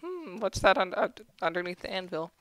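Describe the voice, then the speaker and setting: A woman's voice: lowish voice, very animated, fairly quick, fairly bright tone. A woman chatting casually as she plays through a game. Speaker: gamer playing a custom map. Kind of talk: casual gameplay chat. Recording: clearly noisy home game recording.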